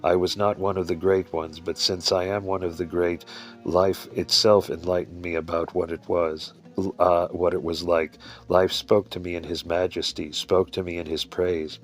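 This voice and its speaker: A man reading an old religious text aloud in a measured way, sometimes halting and restarting a line. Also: sits low, flat delivery. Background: faint music.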